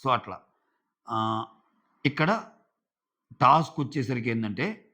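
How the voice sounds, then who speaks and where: Male reviewer, casual rambling recap, mid-pitched voice, muffled lo-fi home recording. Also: lively intonation, takes it slowly, bright, forceful tone. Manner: chatty, filler-heavy retelling. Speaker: show reviewer.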